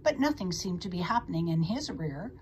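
A woman reading a children's storybook aloud, expressive and animated. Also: lowish voice, fairly quick, slight background noise. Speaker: audiobook reader. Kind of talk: storybook read-aloud narration.

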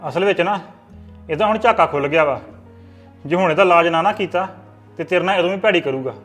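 An actor playing an earnest elder brother giving stern advice in a family drama. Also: male voice, high voice, fast, a bit bright, soft background music. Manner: earnest, lecturing.

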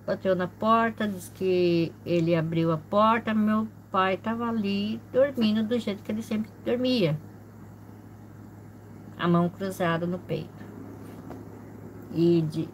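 A middle-aged woman telling a personal story on her vlog in a soft, halting way, often repeating herself. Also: fairly low pitch, a little hiss or hum. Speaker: channel host.

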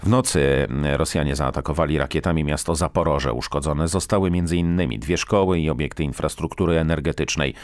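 A man's voice: a bass voice, dry recording. A man reading a formal radio news bulletin in a studio. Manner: steady, formal newsreading.

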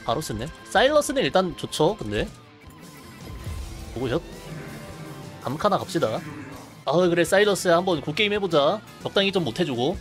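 A man's voice: a little high, big pitch swings, normal speed, long pauses, soft background music. A young man casually commenting while streaming a game, chatty and laughing, reading chat aloud.

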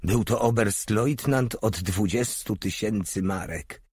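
A man reading a war novel aloud as an audiobook narrator, steady and dramatic, lifting his voice for the characters' lines. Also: lowish voice, slow, breathy edge, no room sound, studio quality.

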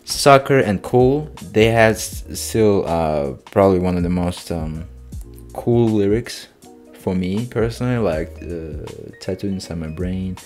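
A young man hosting a casual music reaction review, excitable and slangy, full of fillers. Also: low voice, unhurried.

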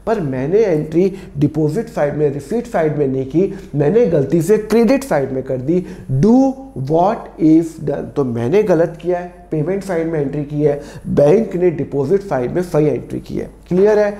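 A man with a sore, hoarse throat teaching an accounts lesson, asking and answering his own questions and repeating key phrases. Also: fairly high pitch, expressive, moderate pace, few pauses, mellow, reverberant. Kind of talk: classroom-style lesson explanation.

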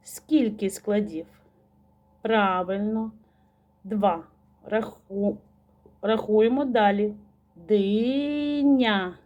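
A woman teacher giving a slow, patient recorded lesson to young children, asking questions and praising answers. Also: mid-range voice, warm tone, muffled recording.

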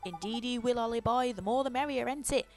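A woman's voice: fairly high pitch, fast talker, faint music behind, natural voice. A woman voicing a cheeky little male fairy creature, reading game dialogue in a playful, colloquial way. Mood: breezy, encouraging.

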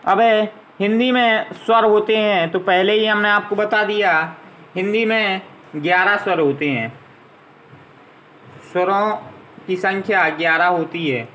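A man's voice: high-pitched, measured pace, pushed and bright, low-quality recording. A man teaching a grammar lesson to young children, patiently spelling out letters and vowel signs one at a time.

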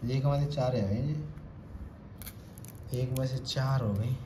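Here a cooking vlogger in his thirties talks a little slowly at medium pitch. He's chatty and friendly with viewers, demonstrating casual home cooking in a roomy tiled kitchen, filmed on a phone held close amid faint background noise.

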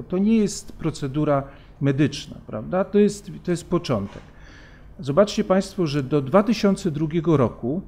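A man in his forties giving an academic conference lecture at a lectern, measured and hesitant, with frequent fillers and restarts. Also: fairly high pitch, darkish tone. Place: large conference hall, at a lectern. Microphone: lectern microphone.

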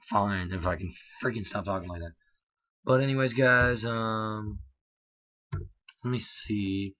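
A young man with a hoarse, strained voice, muttering halting let's play commentary full of ums. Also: on the low side, a bit bright, no echo, lo-fi sound. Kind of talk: casual gameplay commentary.

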